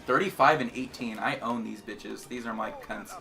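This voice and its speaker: A man's voice: medium pitch, normal speed, gravelly, bright, forceful tone. A young man in casual gaming chat who cuts in with crude wisecracks. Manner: wisecracking, crude joking interjections. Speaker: cast member. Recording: gameplay music faint behind voice.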